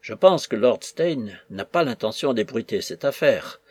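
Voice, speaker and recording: A man voicing a blunt, gruff army captain who speaks firmly and commandingly. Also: mid-range voice, lively intonation, unhurried, no echo. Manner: firm, commanding.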